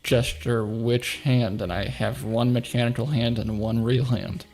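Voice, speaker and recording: A man's voice: mid-range voice, fairly even intonation, a little slow, a little mellow, faint music behind. A man playing a tabletop game, asking wary questions. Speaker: player. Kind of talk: tabletop role-play.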